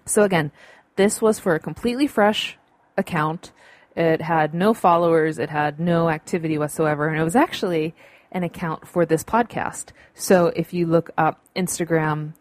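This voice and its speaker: Upbeat woman podcaster, lowish dry voice. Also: no room sound. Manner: upbeat, chatty, emphatic, informal advice-giving. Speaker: podcast host. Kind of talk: casual solo podcast advice talk. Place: home room with windows open.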